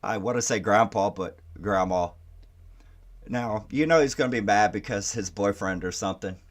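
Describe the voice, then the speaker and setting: A man's voice: on the low side, normal speed. A man giving profane, taunting reaction commentary on video clips, laughing at the people he mocks.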